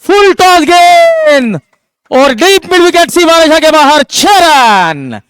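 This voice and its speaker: A man giving live ball-by-ball cricket commentary, with excitable, drawn-out calls on the big moments. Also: extremely high pitch, no room sound, studio quality.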